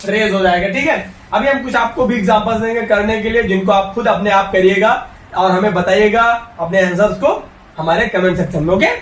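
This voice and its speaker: A man's voice: sits high, slight background noise. A male teacher giving a grammar lesson, asking questions and answering them himself while coaxing the children along. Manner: drills students by asking and answering his own questions; coaxing and encouraging, addresses children directly. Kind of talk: classroom-style English grammar lesson. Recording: echoey room, voice from a distance.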